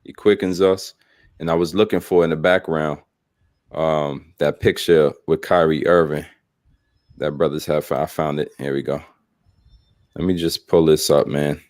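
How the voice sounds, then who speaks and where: A man's voice: a bass voice, fairly even intonation, a little slow, a little mellow, no echo, studio quality. A man hosting a religious podcast, talking in a laid-back way with many fillers. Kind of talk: casual religious discussion.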